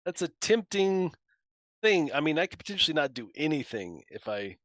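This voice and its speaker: A man playing a board game on a live stream, thinking out loud about his moves, joking and laughing easily. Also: fairly high pitch, very animated, normal speed, dry recording. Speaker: guest player. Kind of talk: casual livestream chat while playing.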